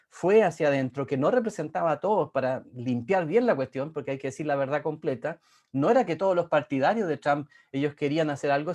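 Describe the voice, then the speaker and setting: A man's voice: fairly high pitch, a little mellow. A man preaching a sermon as pastor, who repeats words for emphasis and reads scripture aloud. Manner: repeats words for emphasis, rising and slowing on key phrases.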